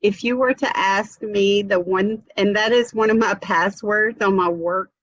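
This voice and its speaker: A woman's voice: medium pitch, steady tone, a little slow, a bit bright, dull audio. A middle-aged woman from Memphis, a guest on an interview show, speaking earnestly and repeating herself. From Memphis, Tennessee. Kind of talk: casual interview chat.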